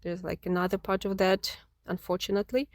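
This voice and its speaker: A woman's voice: medium pitch, level tone, fairly quick, no echo, studio quality. A Ukrainian woman in her thirties, from Ukraine, telling her life story as an interview guest in a reflective way, with many fillers and restarts.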